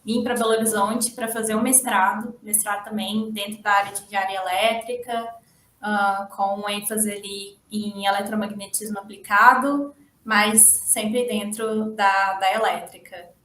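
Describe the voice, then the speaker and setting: A young woman from Minas Gerais, an electrical engineer, chatting relaxed as an interview guest. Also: mid-range voice, measured pace. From Formiga, Minas Gerais, Brazil. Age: young adult. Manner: relaxed, chatty, with small restarts and laughs. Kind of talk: casual interview talk. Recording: echoey room, distant mic, faint noise.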